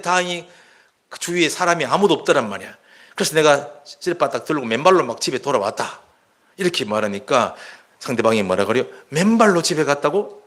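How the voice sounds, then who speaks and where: Male pastor, a bit high-voiced, chatty earnest sermon delivery. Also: fairly bright tone. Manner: earnest, conversational preaching with acted quotes.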